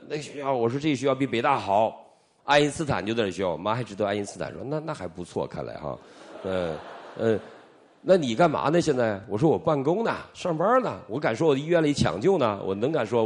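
Telling his testimony in a sermon, a middle-aged preacher from Northeast China acts out the dialogue with animated storytelling. He is a fast talker with a mid-range voice.

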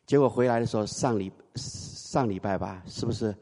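Mellow-voiced man testifying in a hall. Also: lowish voice, brisk. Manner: animated storytelling, hesitant fillers. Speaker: church member giving testimony. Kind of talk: spoken testimony.

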